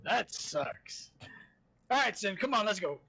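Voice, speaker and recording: A man's voice: high-pitched, animated, unhurried, vocal fry, bright, forceful tone, slightly rough. A man playing a tabletop game, bantering casually in and out of character.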